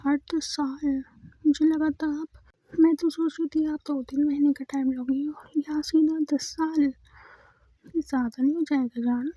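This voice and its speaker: A woman's voice: sits high, steady tone, dark tone, no room sound, rough recording. A woman whispering as a tearful young wife. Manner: slow tearful pleading. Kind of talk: whispered role-play.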